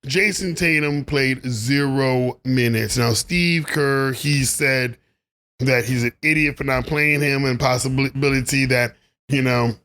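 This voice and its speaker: A man's voice: medium pitch, a little slow, fairly bright tone. A man delivering a rambling, opinionated basketball commentary monologue, laughing at his own asides. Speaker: sports commentary vlogger.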